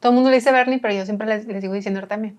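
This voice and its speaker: A woman's voice: mid-range voice, rapid-fire, lo-fi sound. A woman from Monterrey with a northern Mexican accent, chatting as a podcast guest and telling stories with laughs and acted-out dialogue. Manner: lively storyteller, laughs often, acts out dialogue. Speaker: guest, architect and restorer. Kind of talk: casual podcast conversation.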